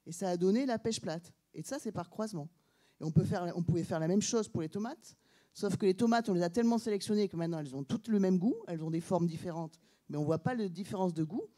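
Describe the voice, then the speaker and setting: A woman's voice: fairly low pitch, quick pace, mellow. A woman scientist on a panel, explaining plainly to a public audience with some hesitations and corrections.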